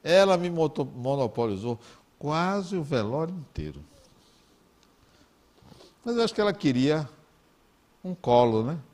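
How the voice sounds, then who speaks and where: A man with a Brazilian Portuguese accent, giving a talk in an animated, conversational storytelling way. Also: a little high, unhurried, pauses often. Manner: animated, conversational, acts out dialogue.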